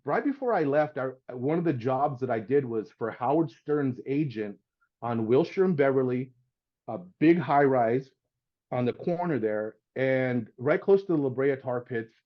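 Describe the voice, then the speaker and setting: Talking at normal speed in a medium-pitched voice, this middle-aged man, a house painter appearing as a podcast guest, narrates a tale in a relaxed way. He does lively impressions of the characters and leans on "man" and "dude," while the recording loses its highs.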